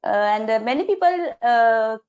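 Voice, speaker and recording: A woman's voice: on the high side, animated, normal speed, a little mellow. A woman, a teacher and host, chatting in a friendly way through a conversation practice lesson. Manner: friendly, laughs easily, short acknowledgements. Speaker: English teacher and channel host.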